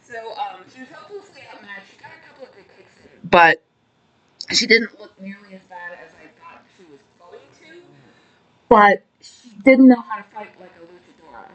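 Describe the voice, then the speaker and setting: A young adult woman talks wrestling with a co-host in loose, casual chat. She is blunt and opinionated, swears freely and laughs at her own jokes, with a voice that sits in a middle pitch for a woman. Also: moderate pace, a bit bright, muffled recording. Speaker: podcast co-host.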